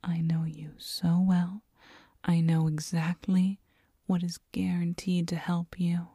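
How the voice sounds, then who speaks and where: A woman playing a doting, teasing girlfriend in a whispered role-play, speaking slowly and tenderly, right in the listener's ear. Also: lowish voice, level tone, warm tone, slightly rough, dry recording, studio quality. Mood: coaxing, doting. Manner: slow, tender, coaxing. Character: doting, teasing, nurturing girlfriend soothing her partner. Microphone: very close binaural microphone.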